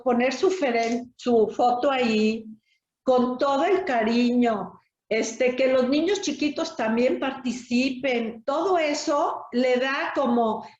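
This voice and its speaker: A Mexican woman, a thanatologist, answering interview questions in an earnest, explaining way and often closing points with a quick tag question. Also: high-pitched, darkish tone. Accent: Mexican Spanish. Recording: roomy, dull lo-fi sound.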